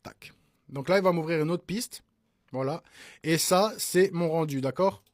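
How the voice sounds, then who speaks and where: A man walks his viewers through a music production technique in a relaxed, chatty way, constantly checking they follow along. His voice sits a little high for a man. The sound is dry, with no room around it. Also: unhurried, no room sound. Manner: chatty, peppers speech with "hein" and "d'accord?"; addresses viewers as "les gars". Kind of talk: casual screen-recorded tutorial.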